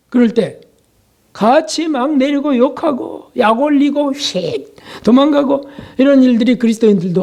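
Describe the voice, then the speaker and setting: A male pastor delivering a sermon with a dark, mellow tone. He talks to the congregation in a plain, conversational way and puts many questions to them. When he acts out prayers, he drops lower and softer, sometimes to a near whisper. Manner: earnest, conversational preaching with rhetorical questions.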